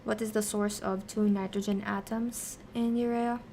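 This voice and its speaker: A woman teaching biochemistry on a study stream speaks at a moderate pace in a warm, medium-pitched voice with little pitch movement. She explains science informally, raising questions and answering them while partly thinking aloud to herself. There is slight background noise.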